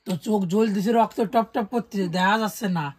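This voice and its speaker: A woman's voice: mid-range voice, steady tone, fast. A woman chatting casually and teasingly with viewers in a playful, giggly way during a food challenge. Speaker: vlogger doing a spicy noodle challenge. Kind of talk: casual chat and banter to viewers. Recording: clearly noisy background with clicks.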